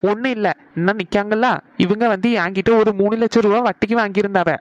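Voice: medium pitch, fairly even intonation, fast, dry recording, dull audio, close to an everyday voice. A voice actor playing a stern male village moneylender, blunt and demanding. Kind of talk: cartoon voice acting.

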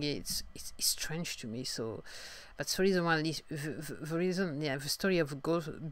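A young adult woman from France with a French accent, talking through a casual podcast monologue in halting sentences full of restarts and fillers. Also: sits low. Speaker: podcast host, singer-songwriter.

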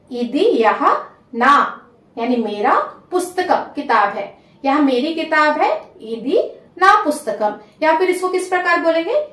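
Woman, language lesson, slow repeated phrases, animated pitch, roomy distant sound. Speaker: language teacher.

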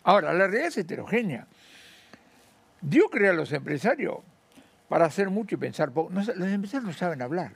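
Older man, Argentine accent, high and swooping voice, gravelly, blunt and joking, dry close mic. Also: brisk, pauses often, no room sound. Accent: Argentine Spanish. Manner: animated, acts out quoted voices, blunt joking. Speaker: economist guest. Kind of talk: casual interview talk.

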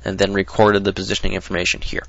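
Brief: deep, gravelly man, loose rambling tutorial delivery, dull dry lo-fi recording. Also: monotone, racing, a bit bright, dry recording. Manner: rambling, hesitant, lots of ums and restarts. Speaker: modding tutorial presenter. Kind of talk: casual screen-recorded tutorial.

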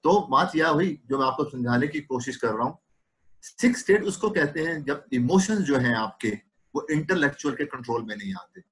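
A man's voice: medium pitch, expressive, moderate pace, a bit bright, low-quality recording. A man who is a homeopathy doctor and teacher, giving a clinical lecture and explaining his points through patient cases and acted-out dialogues.

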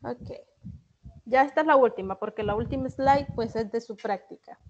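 A woman with a Salvadoran Spanish accent teaching English in an online class, explaining slowly and reading example sentences with care. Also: fairly high pitch. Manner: slow, deliberate, reads English examples carefully. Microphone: video call. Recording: muffled online-class audio.

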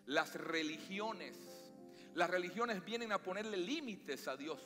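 Fervent Latin American pastor preaching. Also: male voice, high-pitched, bright, forceful tone. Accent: Latin American Spanish. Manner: fervent preaching with emphatic rises and slow stressed phrases. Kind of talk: sermon. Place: church sanctuary. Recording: long church reverb with faint music.

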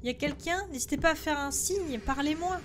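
A woman's voice: high voice, a little fast, background noise. A young woman streaming a horror game on a headset mic, jumpy and exclamatory, talking to herself as she plays. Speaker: gaming streamer. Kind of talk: casual live gameplay commentary.

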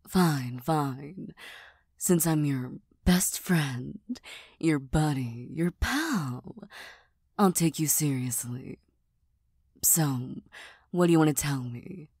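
A tired, serious cat girl, voiced by a woman in a soft ASMR role-play for ASMR. She speaks slowly and breathily in a low register. Her manner is deadpan and hesitant, gently teasing and quick to put herself down. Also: slightly rough, dry recording, clean studio sound, exaggerated voice. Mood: wry, reluctant. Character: tired, serious, self-deprecating young cat-girl best friend.

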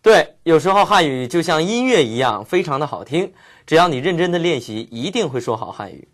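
Slow, deliberate language co-teacher. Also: medium pitch, very animated. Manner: slow, deliberate, carefully modeled speech. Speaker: native Chinese co-teacher modeling pronunciation. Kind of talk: lesson pronunciation demonstration.

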